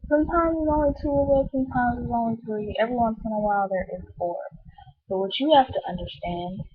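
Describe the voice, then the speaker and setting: A woman's voice: a little high, quick pace, slightly rough. A woman in a casual spoken rant as a shop worker, exasperated and emphatic, sometimes mimicking customers. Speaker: sandwich shop worker venting about customers. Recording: tinny, phone-like narrow band.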